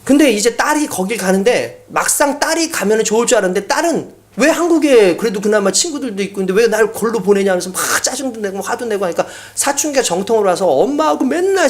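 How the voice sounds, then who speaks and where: A man's voice: high voice, fast talker, few pauses. A male pastor preaching a sermon in a church, telling an anecdote and acting out the people in it. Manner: animated anecdotal storytelling, often acting out quoted speech. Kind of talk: sermon storytelling.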